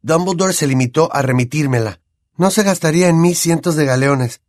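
A man voicing a thoughtful teenage boy in an audiobook, measured and puzzled. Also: on the high side, no room sound, pitched above the performer's own voice, close to an everyday voice.

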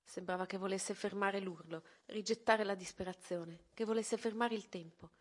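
Una donna che legge ad alta voce un romanzo, con una narrazione calma e misurata. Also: female voice, mid-range voice, moderate pace. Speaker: volunteer reader. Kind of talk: reading a novel aloud.

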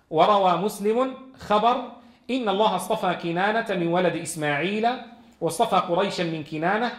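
A man's voice: sits high, a bit bright, roomy sound. A man teaching a Quran lesson in a classroom. He reads from a text and explains it, asking his students questions.

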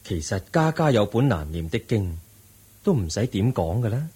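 He voices the Buddha for a radio play acted in 1980s style: a serene, wise and calm male teacher, patient and gentle, questioning like an instructor. The lowish male voice is very animated and exaggerated, with a breathy edge, at normal speed, and the mood stays serene and patient.

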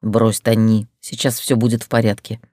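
A woman reading an audiobook, voicing a stern, controlled man in a lowered, clipped, commanding voice. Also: level tone, moderate pace, warm tone, no room sound, clean studio sound. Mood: calm firm.

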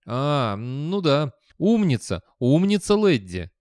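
Guy reading as a jumpy young man, hesitant, a bit higher, dry close sound. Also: big pitch swings, slow, darkish tone, dry recording. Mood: nervous. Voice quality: anxious, hesitant.

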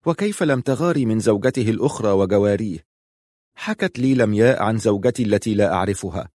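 A man narrating a novel in a steady, reflective audiobook reading. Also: on the low side, dry recording, clean studio sound.

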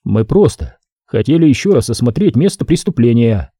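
A weary, restrained detective, read by a male narrator close to his own voice. He speaks in a dry, measured, faintly sardonic way. The tone is very dark and husky, in a dead, dry booth. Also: medium pitch, very animated, no room sound. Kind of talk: audiobook character voice.

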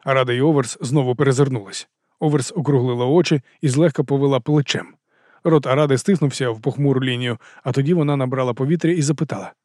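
A male audiobook narrator reads in a brisk, matter-of-fact way and moves quickly through the text. His pitch stays fairly flat, and the recording is dry and close. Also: dry recording. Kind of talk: first-person audiobook narration.

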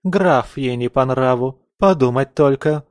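A man's voice: mid-range voice, measured pace, dry recording, studio quality, natural voice. A man voicing a domineering, cold noble mother who scolds and commands her daughter in an audiobook. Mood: stern. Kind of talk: audiobook character voice.

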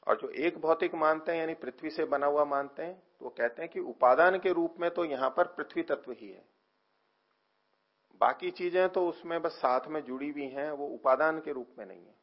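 A man teaching a scripture lecture, explaining slowly, asking questions and answering them himself, often trailing off softly at the ends of phrases. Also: a little high, lo-fi sound. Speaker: teacher of philosophy.

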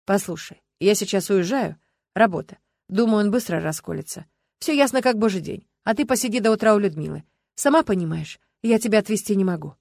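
A woman's voice: medium pitch, lively intonation, fairly quick, creaky, darkish tone, no room sound, studio quality. A woman reading an audiobook and voicing a tired, stern male police investigator who talks in a lecturing way. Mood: weary.

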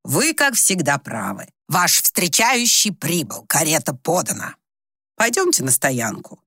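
A woman's voice: big pitch swings, measured pace, sharp tone, slightly rough, dry recording, studio quality, heavily acted. Woman doing a hearty bearded man. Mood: jovial. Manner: jovial, booming.

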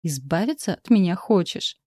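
A woman's voice: animated, moderate pace, a little mellow, dry recording, studio quality. A woman voicing a whiny, manipulative old bedridden mother who wails and complains. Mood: whining. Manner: plaintive, wailing, shrill.

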